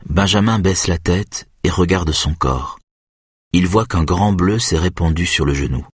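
A man narrating an audiobook in a steady, measured reading. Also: low-pitched, breathy edge, no echo, studio quality.

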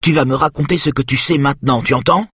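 A man's voice: mid-range voice, lively intonation, normal speed, breathy edge, no echo, clean studio sound. A man voicing a firm, impatient woman pressing a girl for answers in an audiobook. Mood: insistent. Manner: firm, insistent. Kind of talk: audiobook character voice.

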